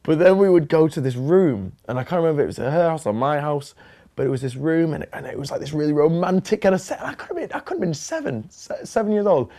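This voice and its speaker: A man's voice: fairly high pitch, animated, warm tone. A young man from northern England, rambling and hesitant as he recalls his childhood in an interview. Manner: rambling, hesitant, many fillers, bursts of quick talk. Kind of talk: reminiscing about childhood.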